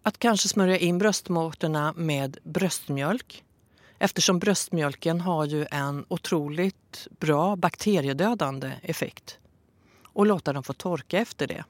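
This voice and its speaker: Lady calmly explaining stuff on a podcast, lowish voice, dry close mic. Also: dry recording. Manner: calm, explanatory, with fillers. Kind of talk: casual informative podcast talk.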